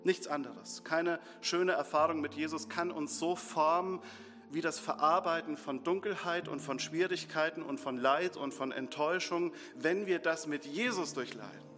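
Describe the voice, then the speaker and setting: A man's voice: a little high, normal speed, sharp tone. Male preacher, earnest sermon, repeating short phrases, long hall reverb, faint music behind. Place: church hall.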